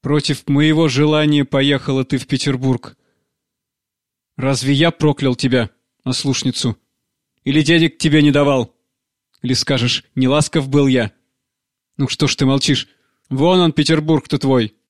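A man's voice: mid-range voice, fairly even intonation, unhurried, no echo, studio quality, natural voice. A man voicing a stern aging priest father. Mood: angry. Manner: pleading then harsh and commanding. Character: stern aging male village priest, proud and hurt.

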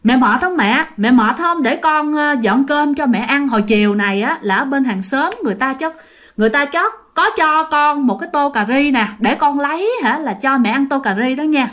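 A woman's voice: high-pitched, moderate pace, fairly bright tone. A woman voicing an eager, caring young daughter-in-law who asks fussing questions.

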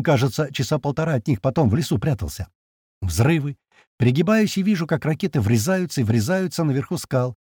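Husky, lively male audiobook narrator. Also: mid-range voice, no echo, studio quality. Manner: tense, lively storytelling. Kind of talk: first-person audiobook narration.

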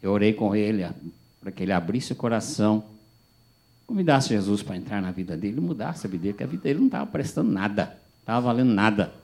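A male pastor, giving a sermon testimony as animated storytelling with acted dialogue. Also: fairly low pitch, fast.

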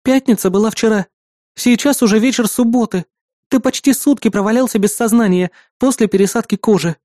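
A man's voice: sits high, brisk, mellow, no room sound, clean studio sound, voice pushed up, close to an everyday voice. A man doing a huffy, bossy young woman. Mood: scolding. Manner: indignant, bickering. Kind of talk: audiobook character voice.

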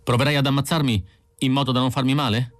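A man's voice: medium pitch, fairly even intonation, fast talker, no room sound, pitched above the performer's own voice, natural voice. A man reading an audiobook, voicing a young female android who sounds tense and pleading, in a raised voice. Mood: agitated. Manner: anxious, breathless pleading.

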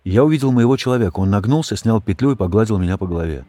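A man reading a children's story aloud, expressive and raising his voice for the dogs' shouts. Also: fairly low pitch, rapid-fire, dry recording. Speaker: audiobook reader. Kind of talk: storybook narration.

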